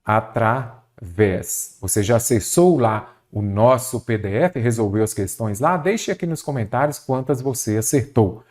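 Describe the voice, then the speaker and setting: A man's voice: mid-range voice, lively intonation, moderate pace, hardly any pauses, a little mellow. A man with a Brazilian Portuguese accent teaching an online exam-prep grammar lesson, asking rhetorical questions and answering them himself.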